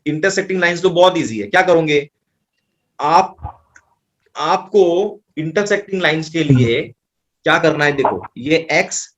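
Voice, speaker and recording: Breezy Indian maths tutor, fairly high voice. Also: male voice, unhurried, a bit bright. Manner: breezy, reassuring, thinks aloud while writing. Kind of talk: explaining maths problems.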